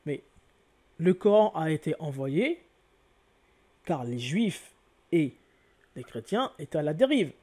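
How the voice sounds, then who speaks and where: A man's voice: fairly high pitch, sing-song, slow, long pauses, mellow. Didactic man spelling out word roots. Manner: didactic, spells out letters, corrects himself often. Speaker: lecturer on word origins. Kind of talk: explanatory lecture to viewers.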